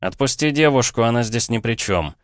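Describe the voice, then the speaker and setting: A man's voice: mid-range voice, fairly quick, dry recording, voice pushed up, close to an everyday voice. A man voicing a defiant, cool-headed young male mage who speaks firmly and steadily in a storybook reading. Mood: pleading. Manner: firm, steady, challenging.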